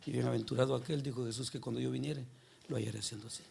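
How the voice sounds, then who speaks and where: A man's voice: medium pitch, racing, vocal fry, slight background noise. A man preaching a conversational sermon in church, often calling out to listeners by name with rhetorical questions. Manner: keeps questioning the congregation by name, rhetorical and animated. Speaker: pastor.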